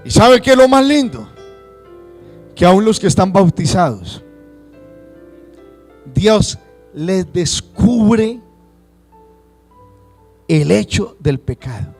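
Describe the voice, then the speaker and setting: A Colombian man preaching a sermon to his congregation, rising to shouts and acting out churchgoers' excuses. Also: high-pitched, big pitch swings, takes it slowly, long pauses, soft background music. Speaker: pastor.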